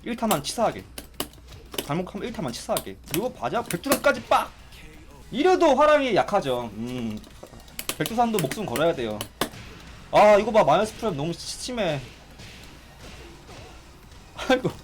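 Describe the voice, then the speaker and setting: A man giving excitable live commentary on a fighting game, exclaiming and complaining as he plays. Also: high-pitched, normal speed, pauses often, over music. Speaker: gaming streamer.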